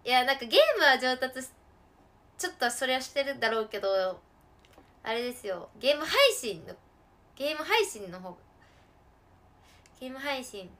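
A woman game streamer talks casually to her viewers as she plays. Her voice sits a little high. She laughs a lot and now and then blurts out a loud cry. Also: very animated, moderate pace, pauses often. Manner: chatty, laughing often, with sudden loud outbursts. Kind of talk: casual live-stream chat while gaming.

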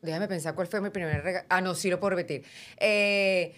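A woman's voice: lowish voice, fairly even intonation, brisk. Venezuelan female co-host, advice-giving, mildly scolding tone. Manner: warm-hearted advice, gently scolding. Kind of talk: couples advice chat.

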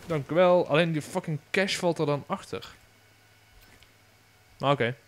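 A young man with a Dutch accent giving casual gameplay commentary, excitable and swearing often, bursting into shrieks. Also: fairly high pitch, a little slow. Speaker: gaming YouTuber.

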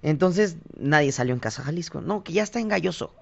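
A young man with a Mexican Spanish accent, a singer and TV reporter, tells stories as a podcast guest in a casual interview, animatedly acting out other people's lines in lively asides. His voice is a little high and creaky at a quick pace, and the podcast audio is dull and lo-fi.

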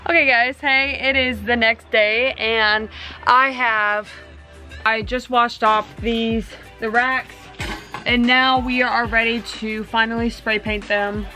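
Music sits in the background as a young woman in her twenties explains her camper van project in a relaxed how-to vlog. Her voice leans high, her tone stays steady, and she speaks slowly, addressing the camera as she works.

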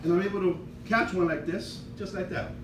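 An older man with a Mexican-American accent works a comedy club stage, rambling through self-deprecating stories and tossing asides to the crowd. His voice sits on the high side for a man. The sound is roomy and distant, with a faint hum of the club behind him. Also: a little fast. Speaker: stand-up comedian. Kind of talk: stand-up comedy set. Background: audience laughter.

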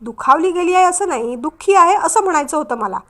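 A woman's voice: very high voice, expressive, brisk, pushed and bright, voice pushed up, full character voice. A woman voicing a scheming, coaxing young wife. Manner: coaxing, persuasive. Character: scheming young sister-in-law, soothing outside.

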